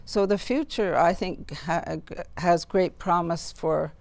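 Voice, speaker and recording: An older interview guest from Nunavut in Canada, reflecting in a halting, thoughtful way with pauses and repeated words. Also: medium pitch, no echo.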